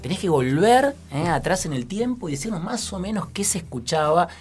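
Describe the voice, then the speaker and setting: A man's voice: high voice, animated, a little fast, soft background music. A man co-hosting a casual radio show, hesitant with many fillers. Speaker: radio co-host.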